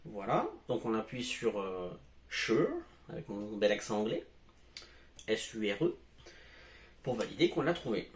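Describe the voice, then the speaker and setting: A man's voice: on the low side, moderate pace, long pauses, echoey room. Hesitant French man demoing a gadget. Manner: hesitant, many fillers. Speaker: tech reviewer. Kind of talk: casual product demo. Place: home.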